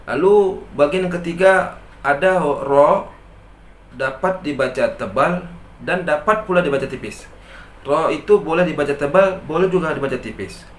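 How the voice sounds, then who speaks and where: A man with an Indonesian accent teaching Quran recitation rules, patiently repeating each example slowly and contrasting wrong and right readings. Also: a little high, fairly bright tone. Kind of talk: tajweed lesson with recited examples. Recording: echoey room with faint noise.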